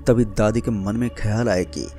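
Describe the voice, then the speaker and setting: A man tells a scripted horror story in a steady, measured voice. His tone is mellow and sits a little low, with faint music playing behind him.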